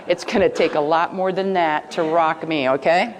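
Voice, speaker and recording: Woman presenter, lively, quizzes the audience, echoing hall. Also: deep voice, normal speed, a little hiss or hum. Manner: lively, asks the audience questions. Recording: long hall reverb.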